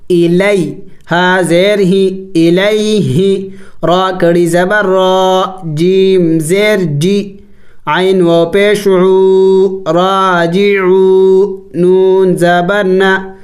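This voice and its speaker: A man teaching Quran recitation with tajweed, spelling letters and vowels slowly, then explaining the rules quickly. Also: sits high, flat delivery.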